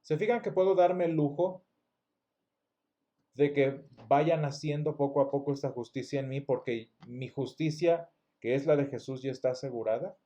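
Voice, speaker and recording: With a medium-pitched, mellow voice and moderate pace, a man gives a Bible lesson in Sunday school. He explains things patiently, frequently restarts words, and tosses rhetorical questions to the class.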